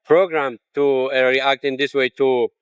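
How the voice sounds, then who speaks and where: Man, non-native English accent, halting casual debate, clear smooth voice, searches for words. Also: medium pitch, steady tone, no echo. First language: not English. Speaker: debater in a street interview.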